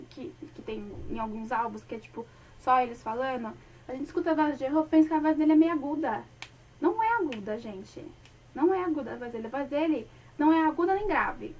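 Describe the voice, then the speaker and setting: A woman's voice: sits high, a little mellow, husky, recorded from a distance. A young woman chatting casually as a fan, gushing and rambling with many fillers. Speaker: fan talking about a band. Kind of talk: casual chat.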